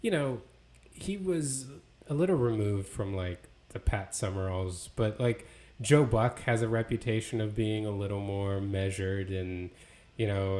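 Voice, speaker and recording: A man's voice: on the low side, a little mellow. Chatty man talking football. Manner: conversational, many fillers and restarts. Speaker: podcast co-host. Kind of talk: casual sports chat.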